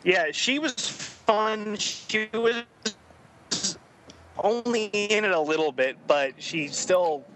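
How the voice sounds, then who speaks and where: A man's voice: high voice, slow pace, a bit bright, a little hiss or hum. A man phoning in from a car speakerphone while driving, his signal dropping in and out, chatting casually and trailing off mid-sentence as a podcast contributor. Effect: phone call on a car speakerphone while driving. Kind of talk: casual chat. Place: in a moving car.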